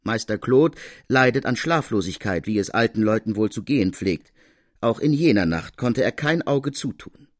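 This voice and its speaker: Guy reading an old story, very lively pitch, dry close mic. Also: no echo. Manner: measured, expressive storytelling. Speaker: reader. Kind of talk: literary audiobook reading.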